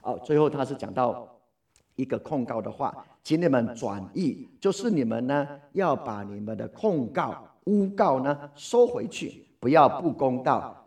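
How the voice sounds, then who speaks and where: A man's voice: mid-range voice, mellow. A male Bible teacher talks through a scripture passage, firing questions at his listeners and answering them himself. His voice sits mid-range and sounds a little distant from the microphone.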